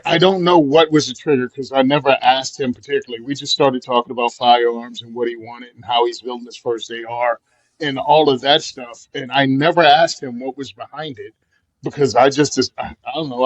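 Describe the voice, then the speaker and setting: A man's voice: medium pitch, steady tone, a little fast, no room sound, lo-fi sound. A man with a mid-range voice co-hosts a podcast in a dry, close recording. He speaks bluntly and with emphasis, now and then musing aloud and chuckling. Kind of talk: casual podcast chat.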